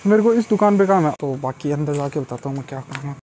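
A man's voice: fairly high pitch, expressive, fast, over loud music. A young man from Rajasthan vlogging casually, rambling to his viewers, filmed on a phone at home and in a shop. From Rajasthan, India. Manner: chatty and rambling, addresses viewers as guys. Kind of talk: casual vlog chat. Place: home courtyard, then a clothing shop. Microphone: phone camera, no earphone mic.

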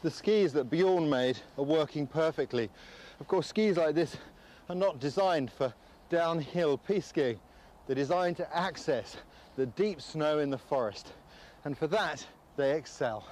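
Calm English man explaining outdoors. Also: a little high, measured pace, slight background noise. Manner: calm, explanatory, enthusiastic about nature. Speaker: wilderness presenter. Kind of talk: documentary narration and outdoor explanation. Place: snowy forest outdoors.

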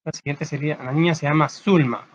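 A man, reading a story and then teaching a first-grade reading lesson, patiently repeating words slowly for young children. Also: fairly high pitch, steady tone, dull audio. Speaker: primary school teacher.

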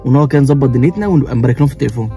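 A young Egyptian vlogger with an Egyptian Arabic accent talks very fast in a mellow, medium-pitched voice, with faint music behind him. Sitting inside a car, he banters with and teases his wife for a prank vlog, swearing oaths and laughing.

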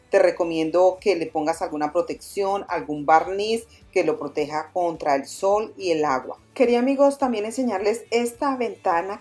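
A woman's voice: fairly low pitch, a little mellow. A woman hosting a crafts channel, giving friendly step-by-step voice-over instructions and addressing viewers as friends. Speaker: DIY channel host. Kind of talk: voice-over tutorial narration.

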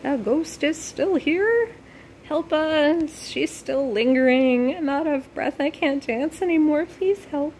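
A woman's voice: sits high, animated, slow, a little mellow, a little hiss or hum, pitched above the performer's own voice. A woman voicing a frightened female game character, pleading for help in a breathless way. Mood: scared pleading.

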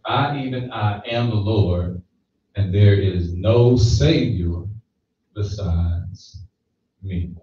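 A man in his thirties preaches with drawn-out words in a low, mellow voice, using a handheld mic in a small church hall. He keeps things conversational with frequent "right?" checks, captured in a slightly dull, distant, echoey recording with slight background noise.

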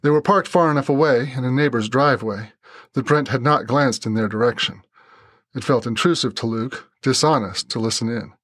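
A man reading a novel aloud in steady scripted narration. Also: mid-range voice, moderate pace, no echo, studio quality. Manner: steady storytelling.

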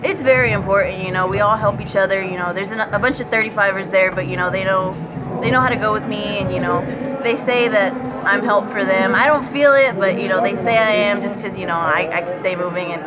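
A woman's voice: medium pitch, fairly quick. A woman of twenty giving a casual post-fight interview as a fighter, talking loosely and hesitantly with lots of filler phrases. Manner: hesitant, peppered with "you know". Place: small wood-paneled indoor room at event venue. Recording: muffled audio with loud background noise.

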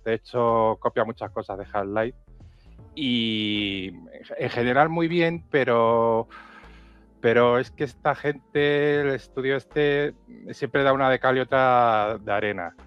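A man's voice: medium pitch, unhurried, clear, resonant tone, no room sound, faint music behind. A man co-hosting a casual gaming podcast over a lo-fi headset mic on a remote call, rambling as he searches aloud for names. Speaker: podcast co-host. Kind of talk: casual chat about video games.

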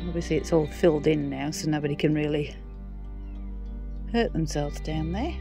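A woman's voice: sits low, normal speed, creaky, music in the background. A woman presenting a casual ghost hunt as she films outdoors, exclaiming and repeating what she hears. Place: outdoors among open stone ruins.

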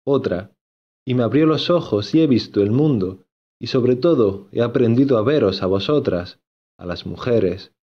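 A man playing an earnest, lovesick young gentleman in a storybook, insistent and given to repeating himself. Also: medium pitch, expressive, normal speed, muffled recording, lightly acted.

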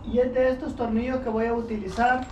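A man's voice: extremely high pitch, level tone, a little fast, a little mellow, echoey room, slight background noise. A man narrating his own home repair video, explaining each carpentry step in a casual way and often checking in with "ok?". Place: outdoor workshop by a shed.

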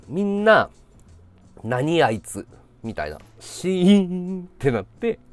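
A male streamer spins a comic story in easy conversational chat, swinging his pitch wildly up and down as he slips into other people's voices. He breaks into laughter often between the bits. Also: very animated, extremely slow, bright, forceful tone, faint music behind. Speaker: live streamer.

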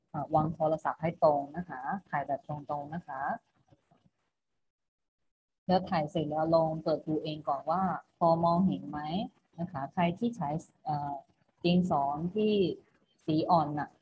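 A woman with a low, steady voice speaks a little slowly as she teaches an online class, patiently repeating every instruction. She closes each phrase with a polite particle. The recording is muffled, with faint background noise.

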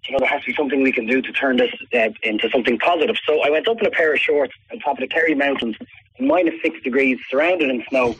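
A man, a restaurant owner and chef, answering radio interview questions with quick, enthusiastic stories. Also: mid-range voice, fairly bright tone, highs cut off, a little hiss or hum.

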